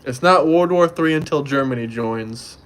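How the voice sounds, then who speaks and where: This is a mid-range, slightly bright male voice at normal speed. The young livestream host, originally from Florida, chats loosely from indoors in Montenegro, taking viewer comments and frequently saying things twice.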